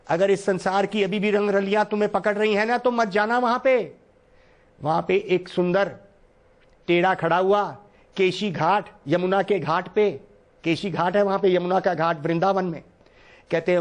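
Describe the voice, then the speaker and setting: High-voiced man giving a devotional talk. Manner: recites verse then explains it line by line, earnest and pleading. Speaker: spiritual teacher. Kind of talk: devotional discourse explaining Sanskrit verse.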